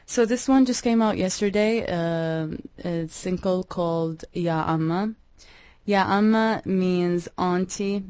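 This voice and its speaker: A young woman from Iraq, a musician guest in an interview, speaking hesitantly with many pauses and restarts. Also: lowish voice, darkish tone, no room sound. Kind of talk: radio interview.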